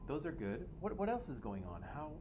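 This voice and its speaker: This male teacher's voice is on the high side, very animated and a little fast. He jokes with his students, pokes fun at himself, and asks them questions, checking in with "right?" after almost every point. The classroom discussion was captured in noisy audio.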